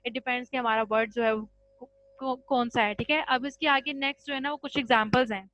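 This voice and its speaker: High-voiced woman teaching grammar patiently. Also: fairly even intonation, fairly quick, fairly bright tone, no echo, lo-fi sound, faint music behind. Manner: patient, repeats points and checks with "ठीक है?"; addresses students as children. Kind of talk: classroom-style lesson in Hindi with English terms.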